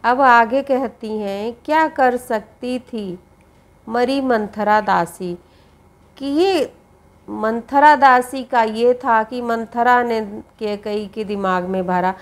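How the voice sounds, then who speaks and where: A woman teacher with a fairly high voice, working through a poem in a class lesson. She reads a verse line aloud and then unpacks it in simple words, circling back and repeating phrases. She talks at an unhurried, deliberate pace. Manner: reads verse lines, then explains them in plain words with many repeats. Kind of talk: Hindi poetry lesson.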